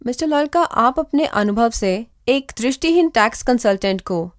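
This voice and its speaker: Lady host asking neat formal questions, kinda high voice, dry booth. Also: animated, normal speed, dry recording. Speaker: radio interviewer. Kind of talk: radio interview questions.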